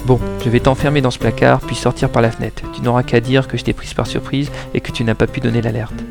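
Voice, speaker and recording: A man's voice: medium pitch, little pitch movement, fast, vocal fry, music in the background, close to an everyday voice. A man voicing a cool, wry noir detective. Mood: commanding. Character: hard-boiled male private detective, cool and wry. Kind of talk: audiobook character voice.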